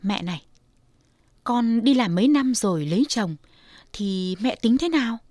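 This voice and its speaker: A woman voicing a loving young adult daughter who talks softly and coaxingly to her mother. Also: fairly high pitch, expressive, measured pace, no room sound. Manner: soft, pleading, teasing.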